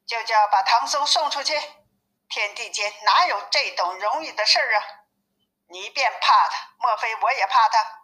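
A scheming turtle-dragon demon lord of the river, haughty and full of himself, as a woman reader puts him on. The voice sits high and bright. It is told in the plain manner of a storybook reading. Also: poor audio. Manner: haughty, then pleading.

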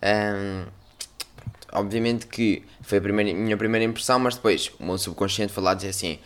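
A young man with a European Portuguese accent, a podcast host telling a story in casual chat and acting out other voices with sudden loud bursts. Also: lowish voice, steady tone, a little fast.

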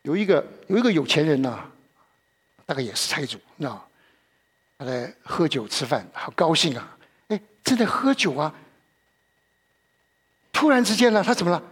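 A man's voice: a little high, very animated, moderate pace, long pauses, husky. A man preaching a sermon in a conversational way, often repeating himself and putting questions to his listeners.

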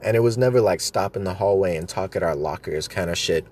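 A man's voice: sits low, quick pace, darkish tone. A man rambling through stories in a casual, joking, sweary way, talking with chewing tobacco in his mouth.

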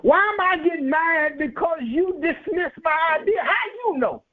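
Over tinny, narrow audio that resembles a phone-line broadcast, a preacher with a very high, widely swinging, lively voice hammers repeated phrases in an emphatic, rhythmic cadence. His pace is a little slow.

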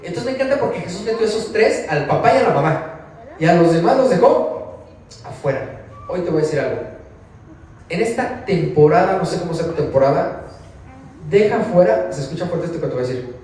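A Mexican man with a high voice gives a casual sermon, talking to the people in front of him and asking them questions. He is heard from a distance in a very echoey church hall, with faint room noise behind him. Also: expressive, a little fast, long pauses, a little mellow. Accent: Mexican Spanish. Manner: conversational, asks the congregation questions. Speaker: preacher. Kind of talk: informal sermon.

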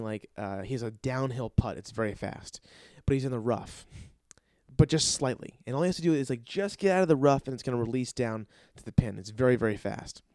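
Young male storyteller, excitable, swears freely, does voices for quotes; dry close mic. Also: mid-range voice, no room sound. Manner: excitable, profane, acts out quotes in other voices. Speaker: golf caddy telling a story. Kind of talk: casual storytelling.

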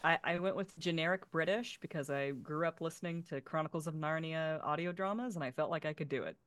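A woman's voice: sits low, no room sound. A woman panelist in casual chat, emphatic and opinionated. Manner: emphatic, opinionated, quick restarts. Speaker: panelist on a role-play show.

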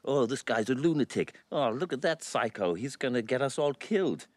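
An actor with a New Zealand accent playing a breezy, jokey imaginary friend who is a comic dictator, in film trailer dialogue. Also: male voice, mid-range voice, animated, fairly quick, very noisy, natural voice. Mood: chummy.

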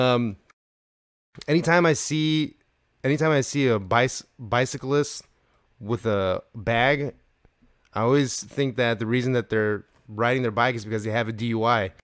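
Teasing podcast host, mid-pitched man. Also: clean tone, no echo, clean studio sound. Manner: teasing, laughs a lot. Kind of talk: casual podcast chat.

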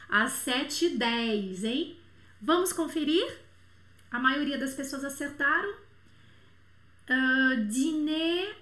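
Bright, animated Brazilian woman teaching French. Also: sits high, echoey room. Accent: Brazilian Portuguese. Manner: animated, affectionate, fond of diminutives. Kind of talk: online language lesson.

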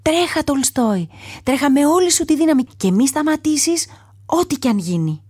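A plucky little boy mouse from a storybook, as a woman reads him aloud. He sounds eager and earnest, pitched above the reader's own dark, husky tone in a dry, close recording. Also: animated, no room sound. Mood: urgent. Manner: eager, earnest, higher and brighter than her narration. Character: small brave young male sewer mouse. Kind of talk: storybook character voice.

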